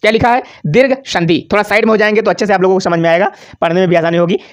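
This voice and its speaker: Grammar teacher, exam-prep slide lesson, quizzes the class then answers, drawn-out syllables, repeats key words. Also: medium pitch. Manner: stretches out syllables when spelling out examples; casual, addresses students as "bhaiya".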